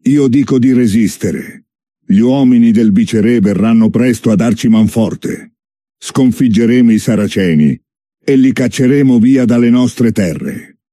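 A man's voice: medium pitch, measured pace, no echo, studio quality, voice pushed up, lightly acted. A man voicing a proud, defiant young woman. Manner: firm, defiant shouting.

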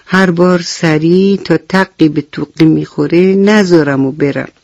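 A woman's voice: lowish voice, fairly even intonation, darkish tone, no room sound, lo-fi sound, close to an everyday voice. A woman doing a little stubborn chick crying for help. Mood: remorseful. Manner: childlike pleading cries for help. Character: small stubborn sulky baby chick. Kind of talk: radio bedtime story.

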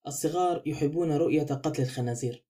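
A dull, cold gardener answers flatly and curtly in a mellow, dark tone, as a male reader voices him in an audiobook. The words come quickly, without warmth or interest. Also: on the high side, close to an everyday voice. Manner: flat, curt. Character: dull, cold working-class gardener man.

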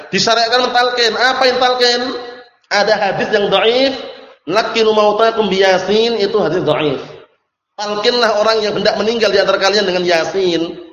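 An Islamic teacher gives a religious study lecture, posing questions to his audience and answering them himself while repeating phrases and often checking they understand. His voice is high and fairly bright, recorded in an echoey hall with dull, lo-fi sound.

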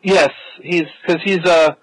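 A man's voice: on the high side, steady tone, slow, dry recording, poor audio. Easygoing man podcast host. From United States. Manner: easygoing, laughs at his own jokes. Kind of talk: casual chat watching a show.

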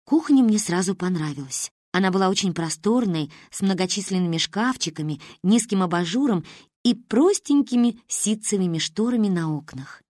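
A woman narrating a humorous story with lively, expressive delivery. Her pitch moves widely through every sentence, and the recording is close and dry with no room echo. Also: normal speed. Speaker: audiobook narrator.

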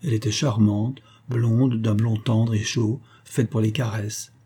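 Husky-voiced man narrating a novel. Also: lowish voice. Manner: steady, measured storytelling. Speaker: audiobook narrator.

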